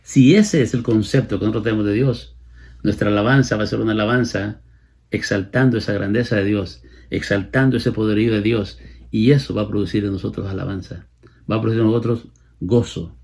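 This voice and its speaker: A man in his late fifties with a Salvadoran accent preaches a sermon, expounding scripture and repeating phrases for emphasis. His lowish voice is creaky, darkish and slightly rough, fairly even in intonation and brisk.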